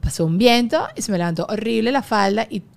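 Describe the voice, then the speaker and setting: A woman's voice: mid-range voice, lively intonation, quick pace, vocal fry. A woman putting on a gossipy young posh Venezuelan girl who drawls and keeps adding "sabes".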